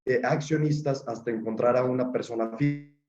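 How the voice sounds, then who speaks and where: A man's voice: medium pitch, steady tone, fairly quick, over music. A man giving a legal lecture over a bad connection that keeps breaking up, explaining and asking himself rhetorical questions. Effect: choppy, breaking-up internet connection. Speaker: webinar presenter. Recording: muffled, echoey video call audio.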